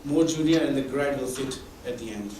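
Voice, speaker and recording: Male presenter, mid-pitched, explaining with examples, heard from a distance in a roomy hall. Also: a little fast, background noise. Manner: explains with examples, many restarts. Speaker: presenter at a mentoring event. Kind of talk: conversational presentation. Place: meeting room or hall. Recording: echoey room from far off.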